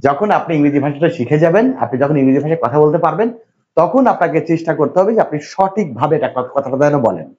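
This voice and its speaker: A man's voice: on the high side, expressive, fast, darkish tone, dull audio. A man teaching English to a class, from Bangladesh, who keeps putting questions to the students and reassuring them. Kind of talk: classroom lecture.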